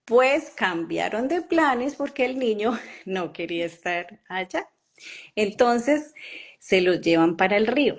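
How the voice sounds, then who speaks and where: A woman with a Colombian accent giving an earnest, emotional personal testimony, halting with pauses and fillers. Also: medium pitch, animated.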